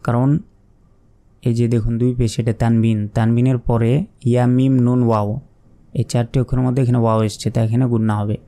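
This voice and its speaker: A man's voice: mid-range voice, little pitch movement, brisk, mellow, clear, resonant tone. A man teaching Quran reading, spelling each word letter by letter with its vowel marks and explaining the rules step by step in a patient, explanatory way. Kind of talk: step-by-step spelling lesson with slow recitation.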